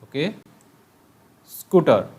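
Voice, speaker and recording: A man, a primary school teacher explaining a textbook story to children in a slow, halting way with many fillers, reading aloud and imitating bird calls. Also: dark tone, lo-fi sound.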